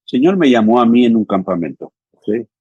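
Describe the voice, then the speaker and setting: A man's voice: mid-range voice, very animated, fairly quick, darkish tone, slightly rough, no room sound, muffled recording. A man in his fifties from El Salvador, a pastor talking earnestly in an interview and often checking in with little fillers. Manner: earnest, with frequent fillers like "¿sí?" and "ujú". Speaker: pastor and theological education coordinator. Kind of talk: conversational interview.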